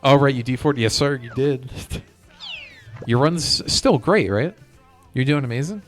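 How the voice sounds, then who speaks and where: Over background music, a man with a medium-pitched voice chats unhurriedly as he livestreams a video game, keeping it casual.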